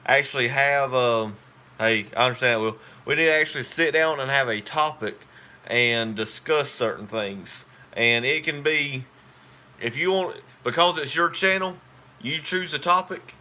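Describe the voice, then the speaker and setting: A man rambles through a relaxed live stream and talks straight to his viewers. His voice is bright and forward, and his pitch sits in a middling range. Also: measured pace. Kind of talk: casual live chat with viewers.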